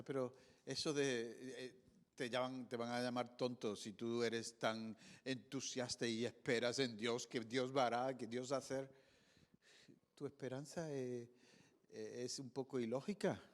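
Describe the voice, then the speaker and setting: A man with a Spanish accent preaching a sermon, swinging from raised emphatic lines to quiet hushed ones. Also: medium pitch. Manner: animated preaching, voice rising and dropping to a hush. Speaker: pastor. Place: church hall. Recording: long church reverb.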